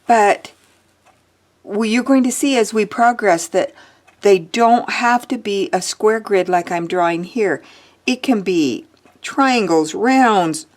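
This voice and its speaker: Slow-talking woman teaching a drawing lesson. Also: mid-range voice. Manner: slow, chatty, thinking aloud while drawing. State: hiccups. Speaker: art teacher.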